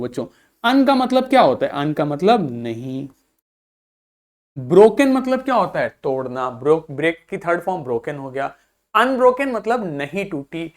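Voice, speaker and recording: Patient woman teacher with a lively voice. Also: medium pitch. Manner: patient, repeats each point several times; spells words out letter by letter. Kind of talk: online vocabulary class for school children.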